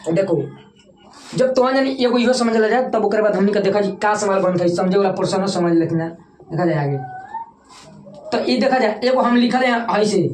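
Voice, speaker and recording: A woman's voice: mid-range voice, a little mellow. A woman with a Bhojpuri-tinged Hindi accent, teaching a classroom lecture. She repeats key terms and keeps asking the students to say them back. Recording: echoey room with faint background noise.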